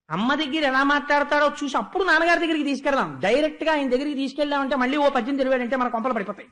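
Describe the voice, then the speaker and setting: A man's voice: very high voice, fairly bright tone. A man giving a devotional storytelling discourse. He chants verses melodically, then explains them in plain, intimate words addressed to his listeners. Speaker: religious discourse speaker.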